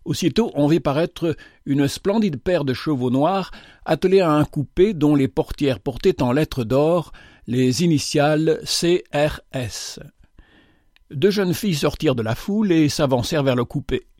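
A man narrating a novel in a measured, expressive audiobook reading. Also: a little high, no room sound, clean studio sound.

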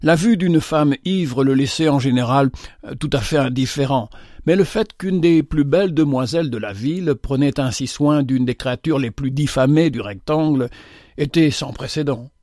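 A man reading an audiobook as narrator in a measured way, with rare hesitations. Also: medium pitch, darkish tone, no room sound, studio quality.

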